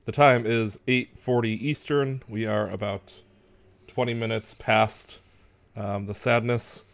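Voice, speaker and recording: A man hosting a podcast in casual chat, laid-back and quick to laugh. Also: mid-range voice. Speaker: podcast host.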